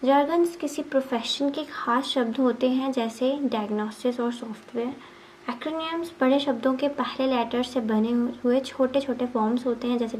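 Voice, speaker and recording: High-pitched woman teacher going over exam notes, asks and answers her own questions, faint hiss behind. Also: a little mellow, low-quality recording. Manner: mixes English terms into Hindi, often says 'ठीक है'. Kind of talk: exam revision lesson.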